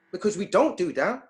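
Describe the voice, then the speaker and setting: A high-pitched man, a youth activist appearing as a guest speaker, preaches passionately to parents in an interview. He is emphatic and preachy, acting out the voices of people he quotes.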